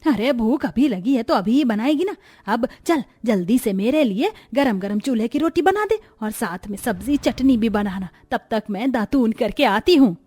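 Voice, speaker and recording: A woman voicing a greedy, bossy old grandmother-in-law in an animated story, scolding and giving orders. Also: fairly high pitch, moderate pace, husky. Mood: demanding. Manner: commanding, scolding.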